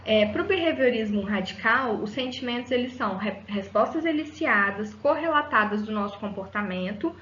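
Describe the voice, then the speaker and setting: A woman with a fairly high, a bit bright voice gives an explanatory psychology lecture at normal speed, expressive and with hardly any pauses. She teaches patiently and didactically, often ending sentences with the rhetorical tag "né?" and using fillers. The audio is roomy and slightly dull, with slight background noise.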